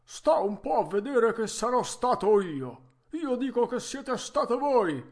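Male reader as a fiery old craftsman, loud and quick to anger, slow and raised; storybook. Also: a little high, animated, pitched above the performer's own voice. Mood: indignant. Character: feisty hot-tempered old male woodcarver. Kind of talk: storybook reading.

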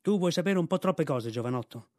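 A man's voice: on the high side, animated, brisk, darkish tone, dry recording, studio quality, natural voice. A man voicing an old veteran army mule in an audiobook, blunt and bossy. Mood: gruff. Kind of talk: audiobook reading.

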